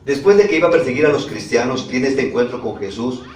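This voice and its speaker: Pastor preaching in an echoey hall. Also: male voice, mid-range voice, expressive, fast talker, slight background noise. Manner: reads scripture aloud and asks the congregation questions. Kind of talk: sermon. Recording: echoey room, from a distance.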